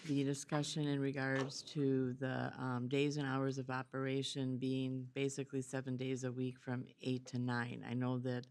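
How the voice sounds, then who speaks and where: A woman county commissioner asking questions and commenting at a public board meeting, measured and hesitant with fillers. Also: rumbling low, monotone, darkish tone.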